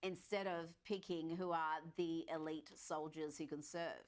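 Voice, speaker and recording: Woman host, lower voice, pointed sardonic commentary. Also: fairly even intonation, a little slow. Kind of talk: political commentary.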